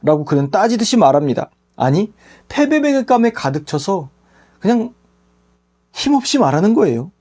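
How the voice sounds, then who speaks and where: A man's voice: high voice, sing-song, moderate pace, darkish tone. A man, a youth pastor, preaching a sermon for an online youth service and telling the story earnestly and plainly for teens.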